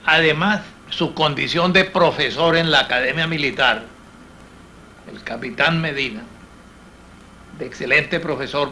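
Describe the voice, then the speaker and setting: A man gives formal, eloquent testimony as a documentary interviewee. His voice is forceful and fairly high, his phrasing slow and halting, over faint background noise. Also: low-quality recording. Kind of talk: reflective spoken testimony.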